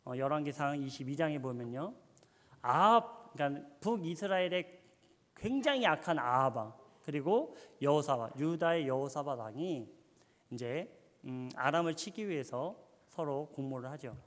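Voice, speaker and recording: A man's voice: on the high side, lively intonation, moderate pace, fairly bright tone. A man preaching a sermon, telling a story with animation and quizzing his audience. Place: church. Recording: long church hall reverb.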